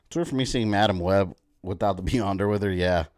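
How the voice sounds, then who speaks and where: A man's voice: on the low side, animated, moderate pace, a little mellow. A man in his thirties chatting casually as a live streamer, fannish and rambling while he plays. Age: 30s.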